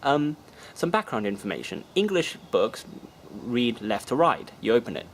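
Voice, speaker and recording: Animated man telling funny stories. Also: mid-range voice, moderate pace, slight background noise, low-quality recording. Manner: animated, acts out dialogue in voices. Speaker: video journal host. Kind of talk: casual storytelling vlog.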